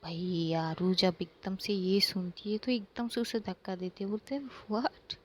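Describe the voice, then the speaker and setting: A woman's voice: mid-range voice, moderate pace, a little hiss or hum. A woman narrating a love story in a casual, informal retelling full of repeated words.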